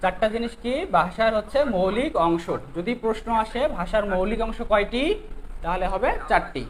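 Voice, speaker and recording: A teacher runs an exam-prep grammar lesson at a mid-range pitch. The teacher keeps putting questions to the students and checking that they have followed. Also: moderate pace, a little hiss or hum, rough recording. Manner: quizzes students, keeps asking "okay?".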